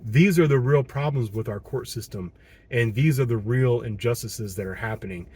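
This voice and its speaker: Speaking alone at a normal pace, this Midwestern-accented man in his thirties, a patrol cop, sounds earnest and frustrated as his voice turns hoarse. His voice is medium-pitched and a little mellow, full of ums and false starts as he comments on his own.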